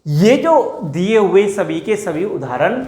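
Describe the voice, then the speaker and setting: Slow, deliberate male teacher in an echoey room. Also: sits high, sing-song, mellow. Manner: slow, drawn-out repetition of example words; asks and answers his own questions. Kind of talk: classroom grammar lecture.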